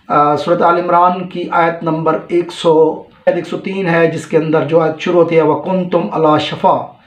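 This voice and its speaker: A middle-aged man from Pakistan with a Punjabi-Pakistani Urdu accent, a retired college principal giving a measured, explanatory pronunciation lesson and stressing each word slowly. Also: fairly high pitch. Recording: echoey room.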